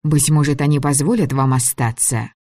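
A man voicing a proud, sharp-tongued young sorceress, throwing scornful retorts in an audiobook reading. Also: mid-range voice, fairly even intonation, moderate pace, no echo, studio quality, natural voice. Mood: defiant.

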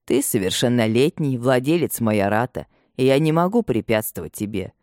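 Мужчина-чтец озвучивает гордую непреклонную пожилую мать, говорящую холодно и повелительно. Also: male voice, medium pitch, expressive, normal speed, a little mellow, dry recording, clean studio sound, lightly acted. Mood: stern. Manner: cold, imperious. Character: proud stern elderly mother, unbending.

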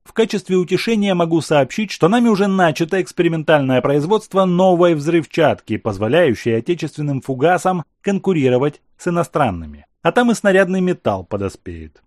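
A man voicing a calm, authoritative emperor who questions his officers and lays out plans in a measured, explaining manner. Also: fairly high pitch, no room sound, clean studio sound, voice pushed up. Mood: instructive.

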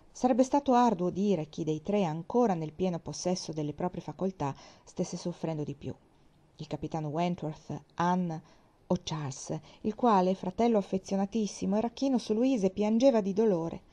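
Mellow-voiced woman reading a classic novel. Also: medium pitch. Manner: measured, expressive reading. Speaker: audiobook reader. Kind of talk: scripted narration of a classic novel. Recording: dull lo-fi recording.

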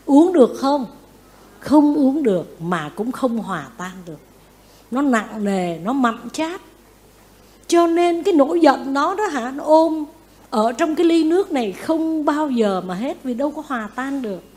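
A Buddhist nun giving a lively dharma talk, often asking her listeners questions and acting out what people say. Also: high-pitched, a little slow. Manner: lively, asks the audience questions, acts out quotes. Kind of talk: sermon.

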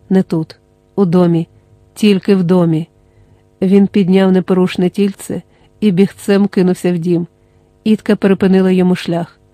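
An audiobook narrator reading a dramatic novel in a measured, dramatic way. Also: mid-range voice, mellow, dry recording.

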